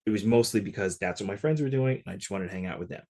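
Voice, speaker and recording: A man from Connecticut, a session percussionist, telling stories in a relaxed interview with lots of "like" fillers. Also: fairly low pitch, very fast. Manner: relaxed, chatty, frequent "like" fillers. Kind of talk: casual interview storytelling.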